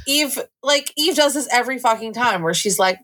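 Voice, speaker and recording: A woman's voice: a little high, lively intonation, normal speed, a bit bright. A woman co-hosting a casual book review podcast who talks bluntly and swears freely as she vents about the story. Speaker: podcast co-host.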